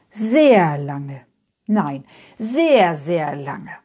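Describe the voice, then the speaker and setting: Breathy woman reading a children's story. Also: medium pitch. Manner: expressive, repetitive, whispered asides.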